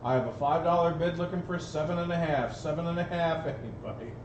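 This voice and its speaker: A man's voice: fairly high pitch, quick pace. Folksy man auctioneer in an echoey, noisy room. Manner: repetitive bid calling, folksy. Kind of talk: live auction calling with casual banter. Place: auction gallery room, livestream. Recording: roomy, distant mic, dull, noisy.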